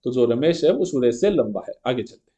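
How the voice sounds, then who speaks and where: A male grammar teacher teaches an exam-prep lesson step by step, often checking in with a quick rhetorical question and reading example sentences slowly. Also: mid-range voice, expressive, dark tone. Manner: reads English example sentences slowly and carefully.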